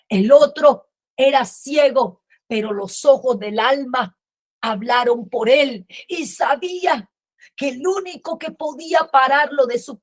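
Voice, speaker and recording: Woman pastor preaching, high voice, slow and drawn out, gets fiery. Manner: impassioned preaching, rising to shouts. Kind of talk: sermon.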